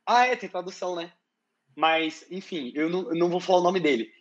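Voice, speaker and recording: A man's voice: sits high, fairly quick, muffled recording. A man, chatting casually as an interview guest and rambling with many restarts and slang fillers. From Brazil. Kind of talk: casual live-stream chat.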